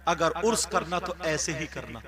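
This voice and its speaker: A man preaching a sermon with stories at a shrine festival, impassioned, dropping soft and then shouting. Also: on the high side, lively intonation, normal speed. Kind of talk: religious sermon with storytelling. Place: outdoor shrine festival gathering. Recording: live crowd audible behind.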